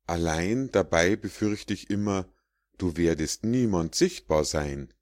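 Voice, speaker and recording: A man's voice: sits low, measured pace, dry recording. A man voicing a wry, cautious rock crystal who speaks in a dry, confiding tone.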